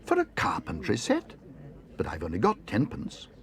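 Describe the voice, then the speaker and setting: A man's voice: medium pitch, wildly swooping pitch, normal speed, voice pushed up. A man voicing a polite, naive young bear in a storybook, earnest and exclaiming. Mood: shocked. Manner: exclaiming, eager, indignant.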